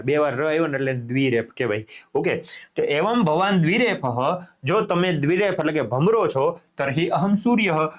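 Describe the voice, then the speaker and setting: A man teaching a Sanskrit lesson, reading each line and then explaining it, with questions to his class. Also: a little high. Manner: reads Sanskrit lines then explains them in Gujarati, asking the class questions.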